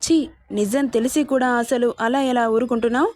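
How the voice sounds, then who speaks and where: A woman's voice: on the high side, steady tone, fairly quick, darkish tone, natural voice. A woman voicing a young woman betrayed by her sister and brother-in-law, speaking in a pleading, outraged way. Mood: distressed.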